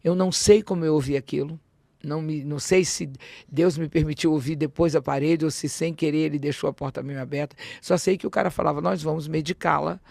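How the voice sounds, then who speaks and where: Woman, podcast guest, animated storytelling, gravelly, close dry mic. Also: sits low, dry recording. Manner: animated, acts out dialogue, frequent restarts. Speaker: interview guest. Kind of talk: personal storytelling in a podcast interview.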